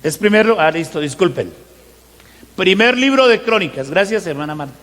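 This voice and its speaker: A man preaching a teaching sermon, who asks the congregation rhetorical questions and slows down to stress scripture verses. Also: sits high, lively intonation, fairly bright tone. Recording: long hall reverb.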